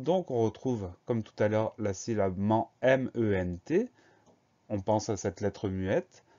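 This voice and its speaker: A man's voice: lowish voice, darkish tone, lo-fi sound. A man teaching a spelling lesson, patiently spelling each word out letter by letter.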